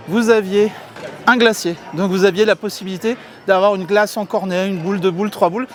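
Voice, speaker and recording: A middle-aged man chatting to viewers as his friends while walking through a theme park for his vlog, filmed on a handheld camera. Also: sits high. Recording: outdoor crowd and faint music behind.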